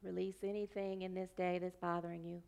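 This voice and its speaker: A woman minister leading a congregation in prayer and guided meditation, speaking slowly and soothingly. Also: lowish voice, level tone, vocal fry, clear, resonant tone. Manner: slow, soothing, gentle. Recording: music playing behind the voice.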